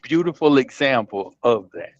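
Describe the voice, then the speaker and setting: A man's voice: medium pitch, lively intonation, normal speed, dry recording. A man from Florida on an online talk show panel, his voice breaking up over a bad connection while he talks casually, repeating and restarting words. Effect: bad internet connection, voice breaking up and choppy. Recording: dull lo-fi call audio.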